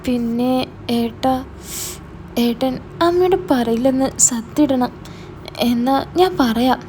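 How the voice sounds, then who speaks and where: A woman's voice: high-pitched, takes it slowly, warm tone, slight background noise. A woman voicing a scared teenage younger sister who stammers and pleads with her brother. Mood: scared pleading. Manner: hesitant, stammering.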